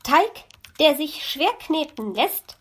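A chattering, eager magpie lady from a children's audiobook, chirping up high and swooping through her lines with loud delight, as a woman reader puts her on. She gushes over every rhyme. The voice stays lively and sparkling throughout. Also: slow, exaggerated voice. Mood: excited. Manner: gushing, bright and eager. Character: excitable chattering female magpie.

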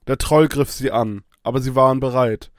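A man calmly narrating a children's fairy-tale adventure. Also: medium pitch, normal speed, no echo, studio quality. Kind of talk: children's story reading.

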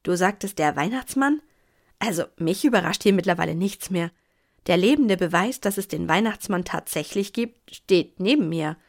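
A woman's voice: lowish voice, animated, moderate pace, dry recording, clean studio sound. A woman doing an impatient cheeky boy. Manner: impatient, sarcastic.

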